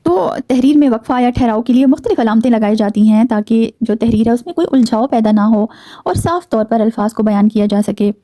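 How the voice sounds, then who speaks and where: A woman teaching a grammar lesson, explaining patiently with occasional fillers and slowing down to stress key words. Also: fairly high pitch, warm tone, no room sound. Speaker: Urdu teacher.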